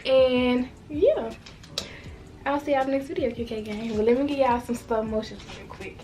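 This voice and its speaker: High-voiced chatty woman, congested. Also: normal speed, a little mellow. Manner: chatty, talks straight to viewers. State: congested from a cold. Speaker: hair vlogger. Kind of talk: casual hair review vlog. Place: at home, washing machine running nearby.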